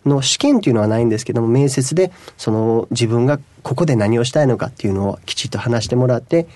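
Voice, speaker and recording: Young male interview guest, mellow tone, measured delivery with frequent pauses. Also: mid-range voice, lively intonation, dry recording. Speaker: guest, school staff. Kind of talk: radio interview conversation.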